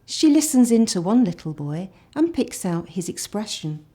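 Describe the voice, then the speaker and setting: A woman narrating a teacher training video in a calm, measured scripted read. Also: mid-range voice, slightly rough.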